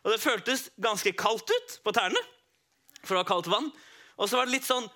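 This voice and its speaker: A man narrates a Bible story for children as if he were one of the disciples, using a high voice with a bright, forceful tone. Every so often he turns to the young listeners, and his delivery remains vivid and dramatic throughout.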